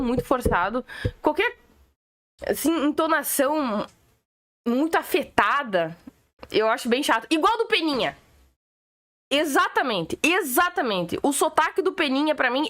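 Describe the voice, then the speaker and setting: Woman, gaúcho accent, high voice, sarcastic livestream rant, exasperated commentator. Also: fairly bright tone. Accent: Gaúcho Brazilian Portuguese. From Rio Grande do Sul, Brazil. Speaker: political commentator.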